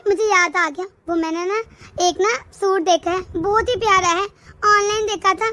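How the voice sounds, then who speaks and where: A woman's voice: very high voice, fairly bright tone. A woman voicing a spoiled young married daughter in a cartoon, who taunts her sister-in-law. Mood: gushing. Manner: taunting, whiny. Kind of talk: cartoon voice acting.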